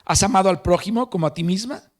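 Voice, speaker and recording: A man voicing a stern angel who asks measured, searching questions. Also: high voice, pitched above the performer's own voice. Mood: probing.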